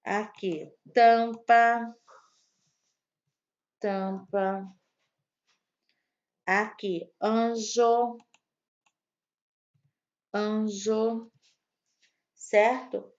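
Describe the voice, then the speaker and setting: Slow, patient woman teacher. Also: medium pitch, a little mellow, highs cut off. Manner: slow, patient, spells out words for young pupils. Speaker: primary school teacher. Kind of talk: online grammar lesson for children.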